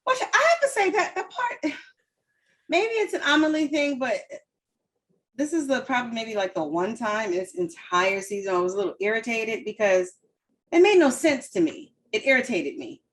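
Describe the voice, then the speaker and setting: Woman, podcast co-host, casual chat, blunt, profane, slightly high voice. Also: expressive, normal speed, a bit bright. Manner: blunt, profane ranting with frequent "like". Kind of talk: casual chat reviewing a TV episode.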